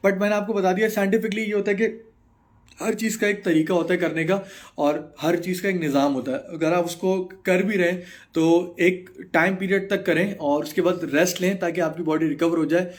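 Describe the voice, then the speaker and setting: A bodybuilder in his thirties, speaking Urdu with a Pakistani accent and slipping in English, reads viewer comments aloud on a live stream and responds casually. His voice sits high with fairly even intonation, and he pauses often with fillers.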